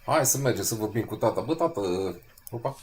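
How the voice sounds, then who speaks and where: A young man giving lively gameplay commentary, ranting and cursing casually. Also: medium pitch, slight background noise. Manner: animated, swears, rants. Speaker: streamer.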